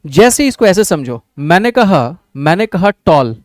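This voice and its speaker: A man teaching an exam-prep English grammar lesson with an Indian accent, often checking in with his class and reading English sentences out slowly. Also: high voice, big pitch swings, no echo. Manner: checks in with the class, calls students "babu" and "bhai".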